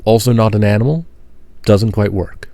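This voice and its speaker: A man narrating as game master of a tabletop game, deadpan and slowing down to stress odd details. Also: on the low side, creaky, no room sound.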